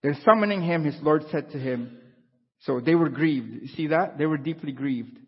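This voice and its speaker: A man's voice: fairly high pitch, normal speed, husky. A man, preaching a conversational sermon and asking his congregation questions. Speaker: pastor. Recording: dull lo-fi sound with long hall reverb.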